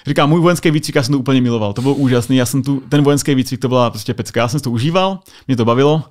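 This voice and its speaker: Czech man telling lively stories. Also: medium pitch. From Czech Republic. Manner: lively anecdotal telling with constant filler tags. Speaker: guest, US Air Force sergeant. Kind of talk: casual storytelling interview.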